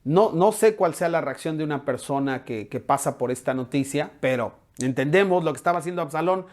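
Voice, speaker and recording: A man's voice: fairly high pitch, animated, fairly quick. A man with a Mexican Spanish accent, a pastor reading scripture expressively and then explaining it with spoken fillers. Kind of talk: sermon with Bible reading.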